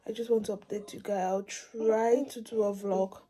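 A woman's voice: mid-range voice, little pitch movement, normal speed, dark tone, slightly rough, poor audio. A woman vlogging a casual update, chatting directly to her viewers. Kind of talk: casual vlog update to camera.

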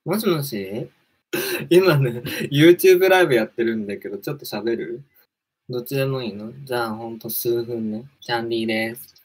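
A man hosting a livestream, chatting with a caller in an animated, teasing way. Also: mid-range voice, moderate pace, husky. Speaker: livestream host. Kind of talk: casual livestream chat.

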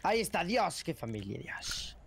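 A man's voice: fairly high pitch, big pitch swings, normal speed, vocal fry, fairly bright tone, a little hiss or hum. A man streaming a game roleplay, joking crudely and swearing a lot in character.

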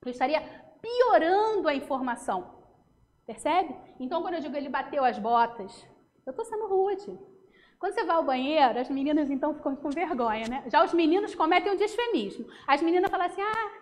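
A Brazilian woman teacher giving a recorded lesson, lively and chatty, checking in with her students often. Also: sits high, a little fast, long reverb tail. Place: home.

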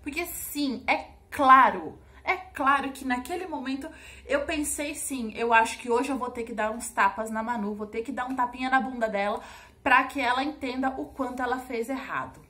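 A young mother with a Brazilian Portuguese accent speaks in a slightly high voice. She explains things earnestly in a casual vlog and often repeats words for emphasis. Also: moderate pace, sharp tone. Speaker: mother vlogger.

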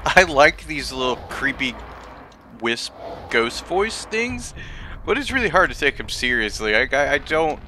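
A man's voice: medium pitch, lively intonation, fairly quick, few pauses, bright, forceful tone, a little hiss or hum. A man giving casual gameplay commentary in a musing, wryly jokey way. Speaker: gaming video commentator.

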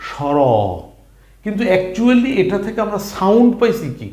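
A man teaches a spelling lesson in a fairly high voice that swings widely in pitch. He quizzes his listeners, answers himself and stretches out syllables. The room around him is echoey. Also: normal speed. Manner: lively, asks questions and answers them, drawls syllables.

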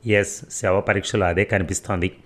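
A matter-of-fact doctor, clinical and explanatory, as a man reads him. The reading is deep and low-pitched, from an audio novel. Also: little pitch movement, normal speed, a bit bright.

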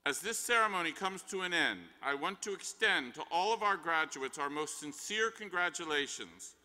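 An older man, a dean, giving a measured formal closing address from a podium in a large arena. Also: fairly high pitch, pushed and bright. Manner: measured, reads from a script. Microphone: podium mic. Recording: long arena reverb.

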